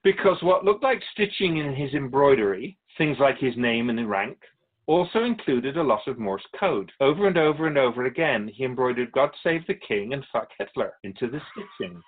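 With lively intonation and a medium pitch near an ordinary speaking voice, a man voices a soul-keeping otherworldly sage in radio drama dialogue, heard through phone-quality sound. He spins stories wryly, staying measured, courteous, philosophical and gently challenging.

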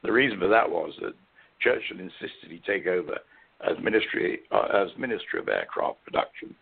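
An older British man with a hoarse, croaky frog voice, telling his story haltingly as an interview guest. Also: low-pitched, huge pitch swings. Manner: halting, hesitant delivery with frequent pauses. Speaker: interview guest, author and journalist. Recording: muffled, narrow phone-line sound.

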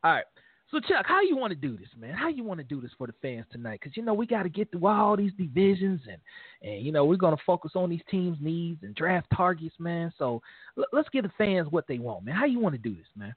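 An animated man talks football with a slightly high voice. He jokes and trash-talks, tacking "man" onto his lines. The audio is dry and narrow, like a phone line. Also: fast, breathy edge, dry recording. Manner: animated trash talk, laughing, repeats "man". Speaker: podcast co-host. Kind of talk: casual sports talk.

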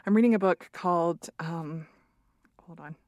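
A woman's voice: on the low side, unhurried, dry recording, studio quality. A woman hosting a podcast, chatting in an encouraging way with lots of "mm-hmm" and "um". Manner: warm and encouraging, frequent "mm-hmm" and "um". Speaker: podcast host. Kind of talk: casual interview chat.

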